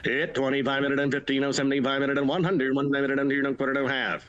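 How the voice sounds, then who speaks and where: Middle-aged male livestock auctioneer, Canadian Prairie accent, rapid-fire rolling sale chant. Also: medium pitch, level tone, a bit bright, dull audio. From Manitoba, Canada. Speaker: livestock auctioneer, interview guest. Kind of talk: auctioneer's patter.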